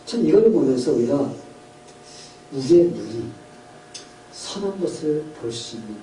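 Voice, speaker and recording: In an echoey church sanctuary, a male pastor retells a parable, voicing its characters and putting questions to the congregation. His fairly high, mellow voice swings widely in pitch and moves a little slowly. He seems slightly distant from the mic, with faint room noise in the background.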